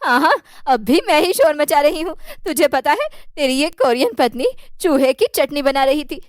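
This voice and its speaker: A stern older mother-in-law in a cartoon, scolding her daughter-in-law dramatically, as a woman narrator puts her on. The voice sits lower than the narration but stays quite high. The sound is close and dry. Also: moderate pace, a little mellow, no echo, close to an everyday voice. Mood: outraged.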